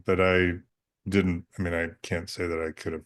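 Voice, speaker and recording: A man's voice: low voice, little pitch movement, normal speed. A man in his fifties, podcast co-host, chatting casually with wry self-deprecating humor. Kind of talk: casual chat.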